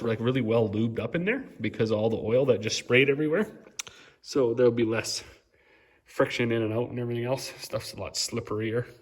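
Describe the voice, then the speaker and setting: A young man from Canada, a farmer, talking casually in a rambling, folksy, plain-spoken way while hoarse from losing his voice, outdoors on his farm. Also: medium pitch, no echo. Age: young adult. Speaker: farmer vlogger.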